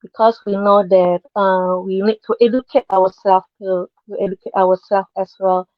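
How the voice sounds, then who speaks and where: A woman's voice: mid-range voice, fairly even intonation, moderate pace, no echo, highs cut off. A woman from Indonesia, talking casually as a guest on a live online panel, hesitant, with many fillers and nonnative grammar. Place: at her workplace.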